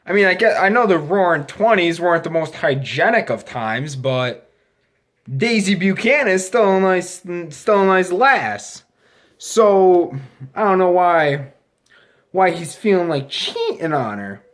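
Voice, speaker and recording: A man's voice: high voice, lively intonation, measured pace, a bit bright. A man getting drunker as he gives a casual, rambling film review, losing his thread, restarting sentences and swearing crudely. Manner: profane, crude slangy talk. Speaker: amateur movie reviewer.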